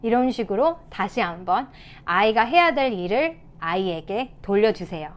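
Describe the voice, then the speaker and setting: A woman's voice: mid-range voice, big pitch swings, moderate pace. A woman teacher giving parenting tips in a casual talk to camera, explaining patiently and acting out sample lines a parent might say.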